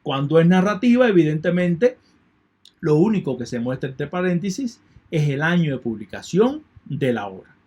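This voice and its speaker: A man's voice: fairly high pitch, very animated, normal speed, a little mellow, slightly rough, muffled recording. A man teaching an online lecture in a methodical way, repeating key points and thanking his students. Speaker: university lecturer.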